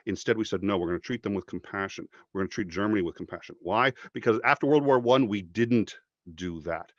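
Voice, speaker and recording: Animated, profane low-voiced man arguing. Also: no room sound. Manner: animated, profane, jumps into mocking voices for quotes. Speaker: podcast guest. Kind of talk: passionate conversational argument. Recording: dry, slightly dull podcast audio.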